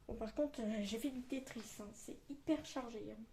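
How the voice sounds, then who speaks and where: A woman chats casually to her vlog viewers in a very dark, soft-edged voice with a gravelly creak. Her s sounds come out lisped and slushy. The room is echoey, and she rambles along colloquially. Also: on the high side, moderate pace. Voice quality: lisp on s sounds from orthodontic elastics. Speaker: vlogger. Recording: roomy echo, faint background noise.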